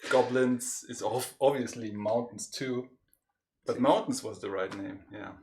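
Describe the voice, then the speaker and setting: A man's voice: medium pitch, measured pace, a little mellow, slight background noise. A tired man co-hosting a casual livestream chat, laughing often and hesitating with lots of fillers. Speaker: podcast co-host and game developer.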